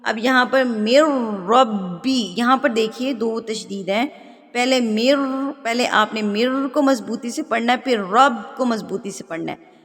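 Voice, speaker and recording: A woman teaching Quran recitation, who explains pronunciation rules patiently step by step and then recites the verses slowly, drawing out each word. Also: fairly high pitch, fairly bright tone. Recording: long hall reverb.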